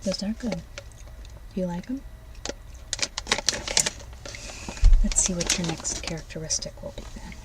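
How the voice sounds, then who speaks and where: A woman doing an ASMR whispered role-play in a soft, hushed voice, speaking gently and directly to the listener. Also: on the low side, unhurried, long pauses, heavy background noise. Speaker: ASMR host. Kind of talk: soft ASMR whispered role-play, tasting snacks and reading oracle cards.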